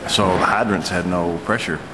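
Low-pitched, even-toned man in his forties. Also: noisy background. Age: 40s. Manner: matter-of-fact, halting delivery. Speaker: storm chaser giving an eyewitness report. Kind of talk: unscripted vlog account. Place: hotel lobby, indoors.

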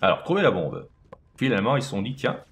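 A man's voice: lowish voice, sing-song, fast, a little hiss or hum. A man casually commenting on his own video game play, chatting to himself and to the enemies on screen.

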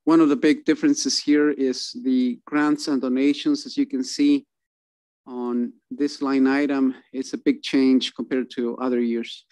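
Halting man presenting a budget. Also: medium pitch, little pitch movement, darkish tone, clear, resonant tone, no room sound. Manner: halting, many fillers and restarts. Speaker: city finance staff presenting budget. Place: council meeting on video call. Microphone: video call.

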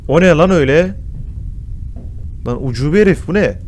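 A young man giving casual horror game commentary, swearing a lot and yelping and shouting when he gets startled. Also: on the high side, animated, normal speed, slight background noise. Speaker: gaming YouTuber.

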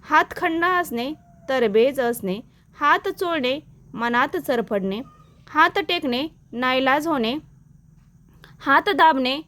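Woman teacher, high voice, unhurried list recitation for exam prep. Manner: slow, even recitation of phrase and meaning pairs.

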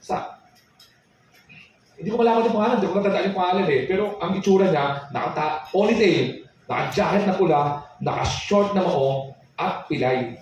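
A man doing a stand-up comedy set, telling stories and acting out the dialogue in quick exchanges before a live audience. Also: sits high, expressive. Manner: storytelling with quick acted-out dialogue. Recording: echoey live venue audio from far off, noisy.

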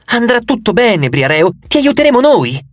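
A man voicing a sweet, childlike young male cyclops who talks in simple, excited, admiring bursts. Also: extremely high pitch, normal speed, no echo, pitched above the performer's own voice, full character voice. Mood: eager.

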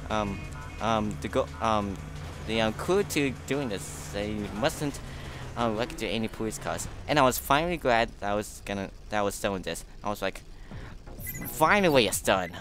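A man giving unhurried, relaxed game commentary in a low voice, halting often and repeating words as he explains. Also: over music. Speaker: gaming video host. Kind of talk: recorded gameplay commentary.

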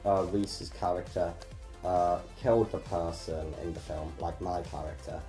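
A man's voice: low voice, steady tone, measured pace, dark tone. A young man hosting a casual behind-the-scenes chat about his film, chatty and self-deprecating. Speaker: filmmaker, channel host. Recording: roomy echo, faint music.

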